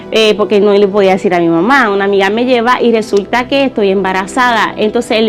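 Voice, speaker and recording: Earnest woman giving a church testimony. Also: fairly high pitch. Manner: earnest, conversational, with fillers.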